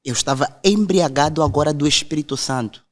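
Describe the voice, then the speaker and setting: A man's voice: on the high side, a little fast. Young guy w/ telling his faith story, earnest, quotes people word for word. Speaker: guest telling his testimony. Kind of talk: emotional testimony in conversation.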